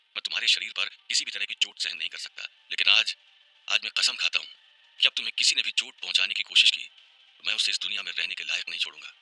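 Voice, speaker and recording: A man's voice: sits low, fast, sharp tone, no echo, exaggerated voice. A man playing a devoted young commando who soothes and protects the woman he loves, tender and reassuring. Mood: vowing. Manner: tender and reassuring, firm when vowing.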